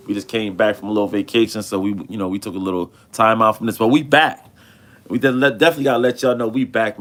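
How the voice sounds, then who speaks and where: A man with a fairly low voice talks in an unhurried, drawling way, full of fillers. He hosts a casual livestream and speaks. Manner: laid-back, drawling, many fillers. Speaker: host.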